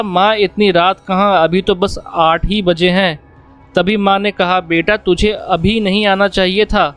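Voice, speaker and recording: Guy with a high voice reading a spooky story, dry close mic, faint music under it. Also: smooth, no room sound. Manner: plain storytelling, voicing dialogue without changing voice. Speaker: narrator. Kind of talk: first-person horror story narration. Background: faint background music.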